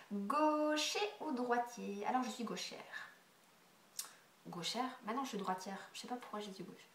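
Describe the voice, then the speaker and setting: A woman's voice: mid-range voice, recorded from a distance, a little hiss or hum. Stuffy-nosed young woman in an echoey room. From Belgium. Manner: chatty, hesitant, many fillers, drops to quiet asides. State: congested nose, stuffy breathing. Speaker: beauty vlogger. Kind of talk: casual Q&A tag video.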